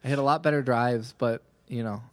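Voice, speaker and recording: A man hosting a podcast, telling a golf story in animated casual chat and acting out his own thoughts. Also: mid-range voice, brisk, no room sound. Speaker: podcast host, golfer.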